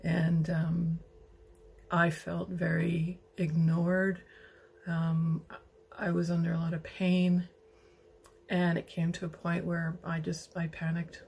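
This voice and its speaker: A middle-aged woman from western Canada telling her personal story in a slow, halting, emotional way, with many pauses and restarts. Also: lowish voice, completely flat delivery, gravelly, darkish tone, slightly rough. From British Columbia, Canada. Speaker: interviewee. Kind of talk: personal testimony.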